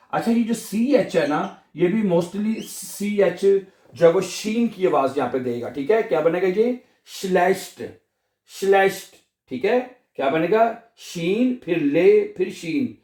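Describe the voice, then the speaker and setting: A man's voice: high-pitched, a little mellow. Patient male language teacher, echoey room. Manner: patient, repeats words and checks in with students. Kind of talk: classroom lesson explaining pronunciation.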